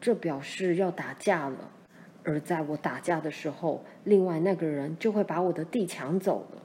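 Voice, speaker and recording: Give me a woman putting on a deep, measured pioneer father for a storybook, mellow tone. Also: a little hiss or hum, lightly acted. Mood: tense. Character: steady pioneer father, middle-aged man.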